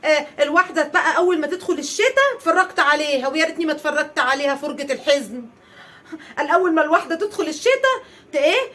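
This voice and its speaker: A woman with an Egyptian accent playing a loud, sarcastic wife in a comedy sketch, ranting in rapid bursts. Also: high voice, animated. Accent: Egyptian Arabic.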